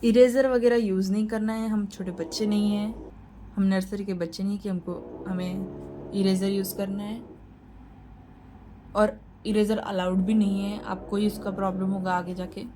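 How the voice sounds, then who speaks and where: A woman talking through a lesson at a steady, middle pitch. She explains each step and repeats the key points to her learners. Faint noise sits under her voice. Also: moderate pace. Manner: instructive, repeats points, reassuring. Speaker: shorthand teacher. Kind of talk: tutorial lesson.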